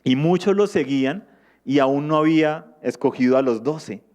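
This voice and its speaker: A man's voice: fairly high pitch, normal speed, a little mellow. A male preacher teaching from the Bible in a sermon, reading scripture aloud and asking his listeners questions before answering them.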